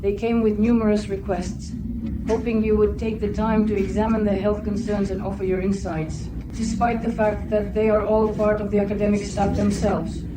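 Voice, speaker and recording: A woman interviewing a guest, asking formal questions in a polite, deliberate and admiring tone. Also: mid-range voice, over loud music, poor audio. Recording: steady background noise.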